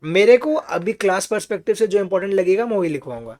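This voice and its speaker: A man's voice: sits high, lively intonation, fast talker, a little mellow. A man teaching finance in an online class lecture. He explains patiently, asks rhetorical questions, checks on his students and mixes English phrases into his talk.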